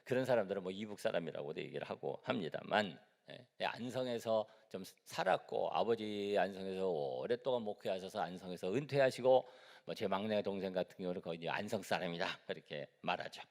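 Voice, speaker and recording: A middle-aged male pastor from Seoul preaches to his congregation, talking with them and asking them questions. His pitch rises and falls a great deal, with a gravelly edge. The sound has a long echo from a church hall. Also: expressive, brisk, darkish tone. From Seoul, South Korea. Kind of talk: sermon. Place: church sanctuary.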